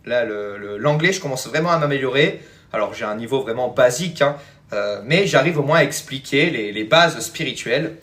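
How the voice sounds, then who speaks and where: A man's voice: medium pitch, expressive, fairly quick, a bit bright. A man hosting a live stream as a spiritual teacher, chatting casually with viewers and answering their comments, with frequent fillers and a habit of addressing them as friends. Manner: rambling, many fillers and "hein", calls viewers "les amis".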